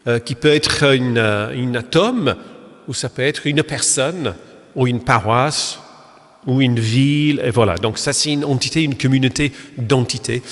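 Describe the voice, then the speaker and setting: Slow-speaking man with English accent. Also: mid-range voice, a bit bright. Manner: hesitant, many fillers and restarts. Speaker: pastor. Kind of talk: lecture-style church talk. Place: Protestant church hall. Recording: long reverb of a church hall.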